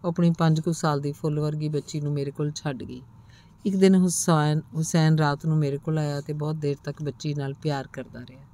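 A woman narrating a first-person audiobook story in a measured, expressive reading. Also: sits low.

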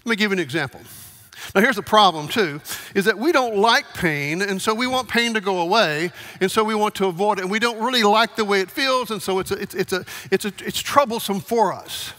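Male pastor, conversational sermon, high bright voice, reverberant church sanctuary. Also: a little fast. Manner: conversational, asks the congregation for raised hands. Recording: long church hall reverb.

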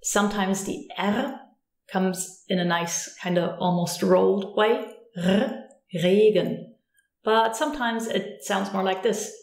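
A German woman with a German accent teaching pronunciation patiently and clearly, modelling each word slowly. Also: mid-range voice, fairly even intonation, roomy sound. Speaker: language teacher. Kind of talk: pronunciation lesson.

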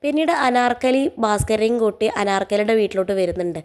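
Fast-talking woman recapping a serial. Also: mid-range voice. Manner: steady retelling with repeated reporting phrases and small restarts. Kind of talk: casual spoken plot recap.

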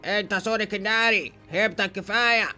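A man's voice: sits high, steady tone, quick pace, faint music behind. A man playing a bossy, threatening fire Sonic father with an Egyptian accent. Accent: Egyptian Arabic. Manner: bossy, blustering, bright-toned.

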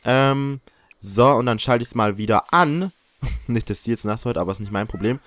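A man's voice: medium pitch, animated, normal speed, a bit bright, no echo. Chatty young man joking over a game. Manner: chatty and joking, teasing the game characters, frequent laughs. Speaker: let's play host. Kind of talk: casual gameplay commentary.

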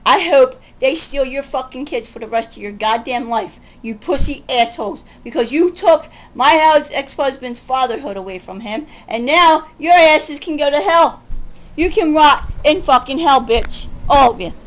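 High-pitched woman ranting angrily. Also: moderate pace, poor audio. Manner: angry, profane, swings from yelling to muttering. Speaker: vlogger. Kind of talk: ranting monologue while cleaning.

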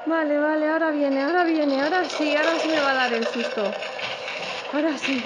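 Excitable high-voiced woman with Spain accent. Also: fairly quick, very noisy. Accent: Spain Spanish. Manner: excitable, nervous, shrieks and gasps. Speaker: VR game reviewer. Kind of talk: live reaction while playing a VR experience.

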